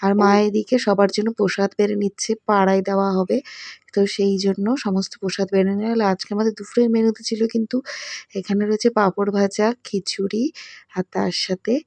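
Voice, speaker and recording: A woman's voice: medium pitch, level tone, normal speed, vocal fry, a little mellow, no echo. A young woman with a Bengali accent, narrating a casual home vlog and talking straight to her viewers. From West Bengal, India. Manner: chatty, addresses viewers directly. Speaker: vlogger. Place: family home.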